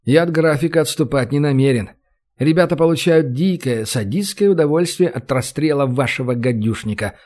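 A man's voice: on the high side, normal speed, darkish tone, natural voice. A man voicing a sarcastic, commanding young man who taunts and threatens. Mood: threatening.

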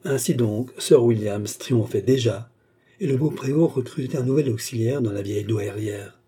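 A man reading a classic novel aloud as an audiobook narrator, with steady, even-paced delivery. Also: mid-range voice, moderate pace, breathy edge.

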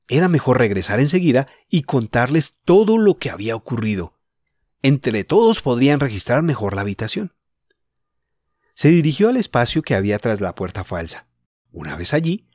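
Expressive male audiobook narrator. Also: fairly low pitch, husky, no room sound. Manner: expressive storytelling. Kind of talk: audiobook narration of a children's novel.

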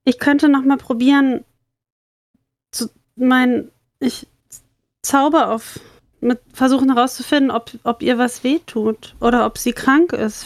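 A woman's voice: high voice, dry recording. A woman playing a tabletop role-playing game, describing her character's actions in the third person. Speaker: player.

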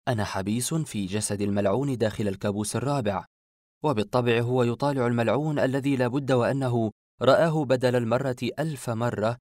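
A man narrating a dramatic first-person story in an expressive reading voice that builds with feeling. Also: mid-range voice, no room sound, clean studio sound.

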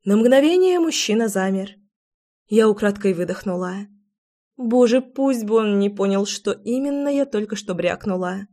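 A woman's voice: medium pitch, lively intonation, normal speed, dark tone. Woman narrating a first-person story. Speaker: audiobook narrator.

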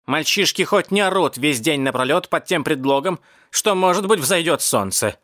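Male reader voicing a surly storybook cat, raised pitch, testy grumbling. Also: animated, normal speed, fairly bright tone, no room sound, studio quality. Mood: snappish. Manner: grumbling, snappish. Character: grumpy rude male alley cat stuck in a sewer.

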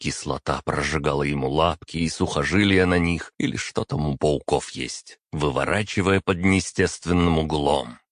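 A man narrates a first-person fantasy audiobook in a steady, measured way. His voice is extremely deep, and the recording is dry and close with no room sound. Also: no echo.

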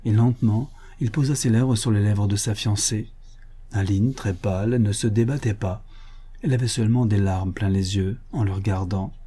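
A man narrating a nineteenth-century short story in a measured, expressive reading. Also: lowish voice, slightly rough. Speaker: audiobook reader. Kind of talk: literary narration.

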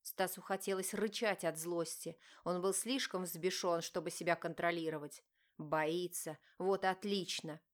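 A woman with a slightly low voice reads a romance novel aloud. Her storytelling is steady and expressive, as in scripted narration. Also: normal speed, hardly any pauses. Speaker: audiobook narrator.

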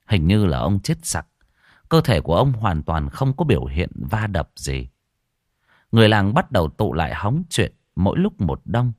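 A man's voice: low-pitched, normal speed, dry recording, studio quality. A man narrating a horror story as an audiobook reader. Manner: expressive storytelling.

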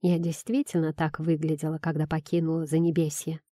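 Warm-voiced woman reading an audiobook. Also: low-pitched, brisk, no echo, studio quality. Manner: expressive storytelling reading. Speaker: audiobook narrator. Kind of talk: first-person audiobook narration.

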